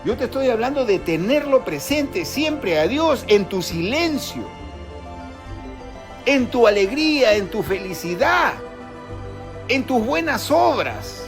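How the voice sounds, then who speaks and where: High-voiced Peruvian man telling stories. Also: big pitch swings, slow, vocal fry, over music. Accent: Peruvian Spanish. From Peru. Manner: folksy, storytelling, preachy asides. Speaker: radio host. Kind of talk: spiritual talk and anecdote.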